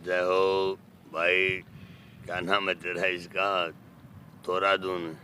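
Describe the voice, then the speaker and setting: A man's voice: low voice, completely flat delivery, takes it slowly, pushed and bright, a little hiss or hum. A man, an ascetic who solemnly gives blessings and answers questions outdoors. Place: outdoors at a temple fire site.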